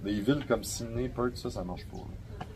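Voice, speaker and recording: A young adult man with a Québécois French accent, a podcast guest telling stories in a slangy, profane, animated way. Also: medium pitch, normal speed, slight background noise, poor audio. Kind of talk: casual storytelling chat.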